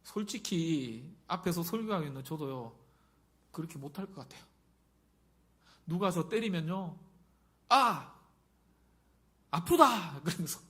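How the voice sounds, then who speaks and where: A man's voice: on the high side, expressive, normal speed, pauses often. A middle-aged male pastor giving a conversational sermon and often putting questions to the congregation.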